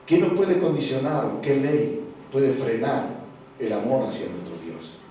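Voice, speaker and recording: A man with an Argentine accent preaching a sermon as pastor, going from hushed passages to loud exclamations. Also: medium pitch, sing-song, unhurried. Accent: Argentine Spanish. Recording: echoey hall from far off, faint noise.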